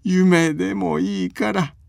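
A man doing a frail, high-voiced old man. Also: steady tone, gravelly, darkish tone, dry recording, studio quality, heavily acted. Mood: wistful. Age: older. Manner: slow, high, quavering old-man speech.

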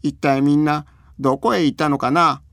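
A man's voice: on the high side, steady tone, moderate pace, vocal fry, fairly bright tone, dry recording, clean studio sound, pitched above the performer's own voice. A man voicing a kindly shape-shifting trickster. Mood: grumbling. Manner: grumbling to himself, then cheerful. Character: mischievous shape-shifting creature, male, kindhearted. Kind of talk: storybook reading.

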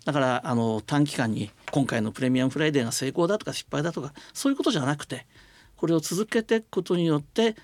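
A man's voice: on the high side, fast, dry recording. An older man, a business leader guest on a radio interview, explaining his views earnestly at length with many fillers. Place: radio studio.

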